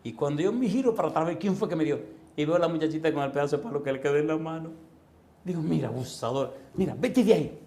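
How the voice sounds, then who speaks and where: A middle-aged man preaching a sermon in a church, telling comic stories with sudden loud bursts and sound effects and putting questions straight to the congregation. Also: a little high, rapid-fire. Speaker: pastor. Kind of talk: sermon with comic personal anecdotes.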